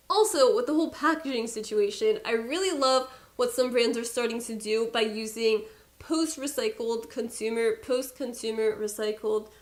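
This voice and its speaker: Chatty young woman beauty vlogger. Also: fairly high pitch. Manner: chatty and candid, playful emphasis, self-mocking asides. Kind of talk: casual chat to camera.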